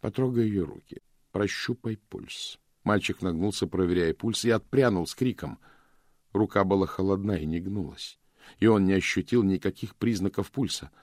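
A man narrating a detective story as an audiobook in an expressive storytelling way. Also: deep voice, moderate pace, no echo, studio quality. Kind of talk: audiobook reading.

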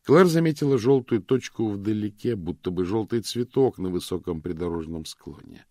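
Male narrator, lowish voice, dry close recording, measured storytelling. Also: lively intonation, warm tone, dry recording. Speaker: audiobook narrator. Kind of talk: scripted narration.

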